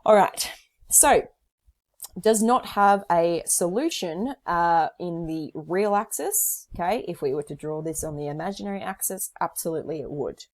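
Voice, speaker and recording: Woman, maths teacher, low voice, slightly hoarse, step-by-step working. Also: normal speed. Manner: talks through working step by step, casual fillers. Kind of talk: recorded whiteboard lesson.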